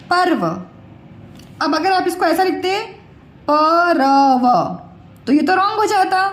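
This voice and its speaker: Woman teacher going over words slow for the kids, asks questions, repeats stuff, lively up and down voice. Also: very high voice. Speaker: Hindi teacher. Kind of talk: patient classroom explanation to children. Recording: echoey room.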